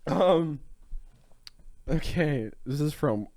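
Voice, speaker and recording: A man's voice: on the high side, lively intonation, very slow, a little mellow, dry recording, studio quality. A man co-hosting a casual podcast, joking around while reading out reviews as quiz questions. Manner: joking, playful, reads aloud with silly voices.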